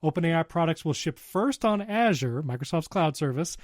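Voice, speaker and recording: A man with a slightly higher voice co-hosts a casual tech show. He chats loosely, laughs often and reads news items aloud. The sound is dry and close, with no room around it. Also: lively intonation, normal speed, no room sound. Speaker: podcast co-host.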